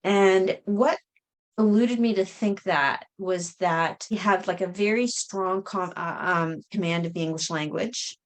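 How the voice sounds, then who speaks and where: A middle-aged woman talking to camera in a casual vlog, halting, with many fillers and restarts. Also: medium pitch. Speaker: vlogger.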